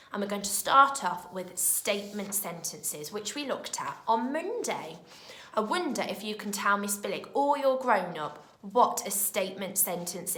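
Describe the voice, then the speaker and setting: A British woman teaches young children, speaking slowly and clearly with a very lively, sing-song pitch. Her voice is bright and carries a roomy echo. She talks like a patient classroom teacher. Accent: British English. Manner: slow, clear and expressive, speaking to small children. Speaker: primary school teacher. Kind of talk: recorded remote lesson for young children.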